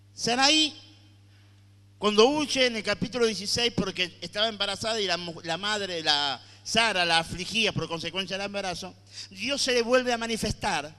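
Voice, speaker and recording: High, sharp-voiced preaching man. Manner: dramatic preaching, swings from loud to hushed; addresses the congregation directly. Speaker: pastor. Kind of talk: sermon. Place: church hall with congregation. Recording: long hall reverb.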